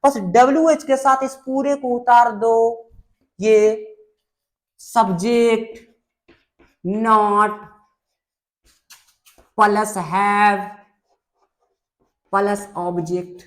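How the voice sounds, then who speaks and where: A woman's voice: medium pitch, drawn-out words, pauses often. A woman teaching English grammar in a classroom lesson, patiently repeating and drilling sentence patterns. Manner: patient, addresses students as "babu".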